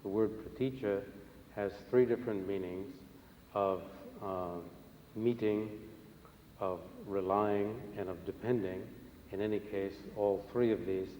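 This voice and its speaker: A man with a low, mellow voice interprets a religious teaching in measured, formal phrases, pausing often. The sound is very echoey, as in a large hall. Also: fairly even intonation. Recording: echoey hall, long reverb, faint noise.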